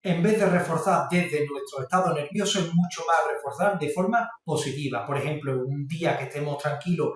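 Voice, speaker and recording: A man giving a parenting workshop, explaining calmly and speaking straight to the listener. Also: on the high side, a little fast, hardly any pauses. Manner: calm, explanatory, addresses the listener directly. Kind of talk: instructional talk to camera. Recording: very echoey room, mic at a distance.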